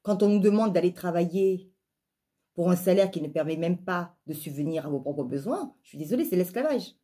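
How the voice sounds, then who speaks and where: A life coach and spiritual vlogger with a southern French accent delivers an opinionated, emphatic monologue to viewers, relying on rhetorical questions and repetition. Her lowish voice is mellow, animated and fairly quick.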